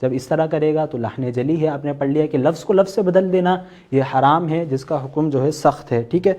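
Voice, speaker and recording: A man with a Pakistani Urdu accent teaching an online Quran recitation class, patiently explaining and slowly sounding out letters as examples. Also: fairly high pitch, warm tone. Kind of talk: online tajweed lesson.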